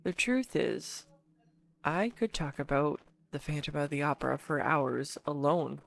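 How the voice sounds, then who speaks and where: Speaking straight to the listener, a woman voices a talkative, bashful, earnest girlfriend in an intimate audio roleplay, her delivery halting and teasing. She sits low with some vocal fry, and her mood is shy and affectionate.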